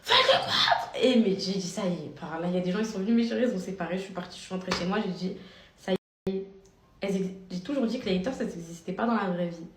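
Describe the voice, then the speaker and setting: A woman's voice: fairly low pitch, quick pace, darkish tone, slight background noise. A woman influencer telling her followers a story in a slangy, chatty vlog, piling on filler tags. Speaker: social media influencer. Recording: roomy echo.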